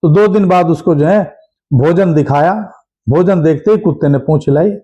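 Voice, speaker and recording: An animated man teaching an exam-prep lesson, firing questions at his students and answering them himself. His voice sits a bit high but has a mellow, dark tone. The recording sounds dull and lo-fi. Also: normal speed, breathy edge. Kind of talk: lecture. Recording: dull lo-fi audio.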